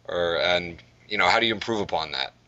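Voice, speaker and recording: A male podcast interviewer with a low-ish but very bright, sharp voice, feeling his way through long, winding questions. The sound is a bit dull and lo-fi. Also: expressive, brisk. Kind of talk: casual interview.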